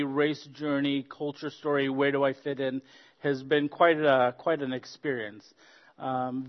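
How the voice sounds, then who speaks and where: Man telling stories in a hall. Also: medium pitch. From Zambia. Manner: relaxed, anecdotal, frequent ums and uhs. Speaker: workshop speaker. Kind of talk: storytelling talk at a church workshop. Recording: dull lo-fi sound with long hall reverb.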